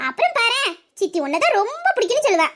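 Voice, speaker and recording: Woman as a wry young mother, high voice. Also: sing-song, racing, background noise. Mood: coaxing.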